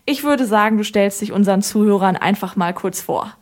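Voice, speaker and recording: A woman hosting a local radio interview, speaking in a friendly, clear way. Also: mid-range voice, a little fast. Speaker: radio host.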